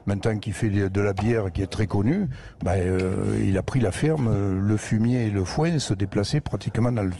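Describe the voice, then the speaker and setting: An agricultural educator with a Lozère accent from southern France tells rambling anecdotes as a guest on a live radio interview broadcast from a museum. His lowish voice is gravelly and mellow, at a normal speed, with a little hiss or hum.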